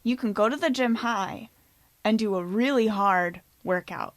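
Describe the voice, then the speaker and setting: A woman's voice: mid-range voice, a little slow, no echo. A young woman co-hosting a podcast, joking at her own expense while she tells casual stories. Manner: jokey, self-mocking, animated storyteller. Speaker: podcast co-host, acting teacher.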